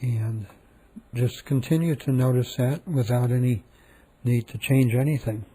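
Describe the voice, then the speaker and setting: Guiding a meditation, a man talks in a soft, calm way, leaving long, repetitive pauses. His voice is husky and sits at medium pitch.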